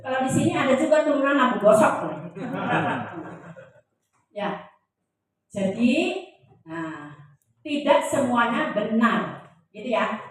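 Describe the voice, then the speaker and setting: A woman's voice: a little high, very animated, slow, long pauses. A woman lecturer teaching a class in a joking way, quizzing her audience with questions. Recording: very echoey room, voice heard from a distance.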